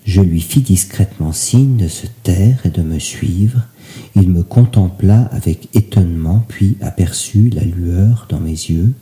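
A man's voice: deep voice, measured pace, warm tone. A man narrating a story in a theatrical, ornate manner, sometimes dropping to a whisper.

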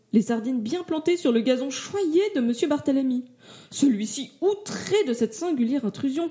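A woman narrating a literary story in a measured, storytelling manner. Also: a little high, warm tone. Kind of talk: scripted narration.

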